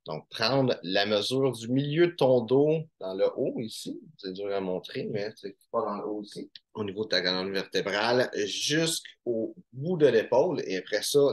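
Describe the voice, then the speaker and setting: A Québécois man talks through menswear advice in a relaxed, chatty way, full of fillers and restarts. His voice sits a little on the low side. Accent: Québécois French. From Quebec, Canada. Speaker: menswear style YouTuber. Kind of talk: casual instructional talk to camera.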